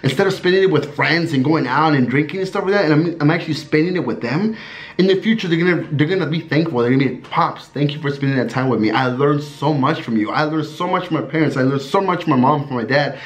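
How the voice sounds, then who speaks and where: A man in his thirties from the USA speaks straight to camera in a slightly high voice. His talk is loose and earnest, packed with "like" and "you know", and he breaks into laughter as he remembers old family moments. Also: fast talker. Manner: rambling and earnest, heavy on fillers; laughs while recalling stories. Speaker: vlogger.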